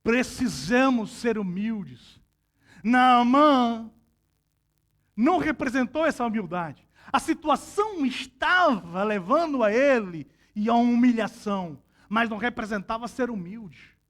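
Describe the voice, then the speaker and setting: A male pastor with a very high voice preaches a sermon. He tells a story and breaks into sudden loud bursts. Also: expressive, unhurried.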